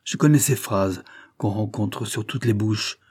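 A man's voice: medium pitch, steady tone, normal speed, warm tone, no room sound, studio quality, natural voice. A man reading an audiobook and voicing a passionate young society woman who speaks with vehemence, first pleading, then scornful.

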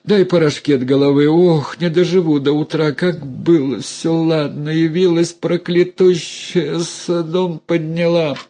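A man doing a wailing, shrill old mother. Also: fairly even intonation, a little slow, hardly any pauses, mellow. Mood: lamenting. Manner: moaning, lamenting with sighs. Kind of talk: audiobook character voice.

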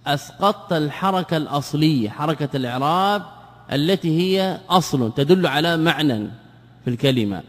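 Man lecturing in a reverberant hall. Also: a little high. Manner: repeats words and fires questions at students. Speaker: Islamic scholar teaching grammar. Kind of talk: classroom lesson quizzing students. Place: teaching hall with students. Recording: long reverb of a large hall.

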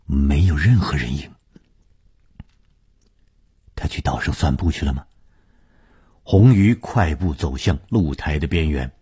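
A man narrating a suspense story for radio, reading dramatically and dropping to a hush in tense passages. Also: very deep voice, slightly rough.

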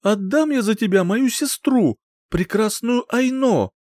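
A boastful, hot-tempered young man who flares up fast, as a male storyteller puts him on. The voice jumps well above the narrator's own and turns shrill and loud. It sounds close and dry, like a storybook being read aloud. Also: lively intonation, no echo. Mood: pleading. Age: young adult. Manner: boastful, shrill, quick to rage.

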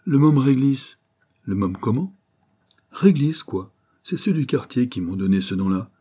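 A man's voice: mid-range voice, expressive, measured pace, warm tone, breathy edge, pitched above the performer's own voice. A man voicing a bold, streetwise street urchin boy with slangy, boastful patter. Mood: cocky.

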